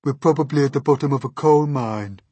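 A man's voice: medium pitch, fairly quick, dark tone, breathy edge, no echo, dull audio, voice pushed up, lightly acted. A man voicing a gloomy, self-pitying earthworm who grumbles and complains in a storybook reading.

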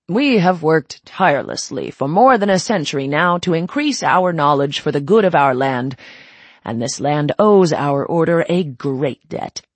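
A woman's voice: deep voice, expressive, measured pace, no room sound. A woman voicing a pompous older male secret-society leader giving a well-worn, droning speech. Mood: declaiming.

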